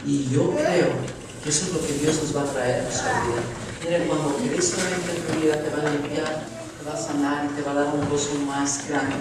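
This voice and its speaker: A man preaching a sermon and telling a testimony, swinging from loud emotional peaks to hushed appeals. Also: fairly high pitch, fairly quick. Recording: far-off mic in a very echoey hall with room noise.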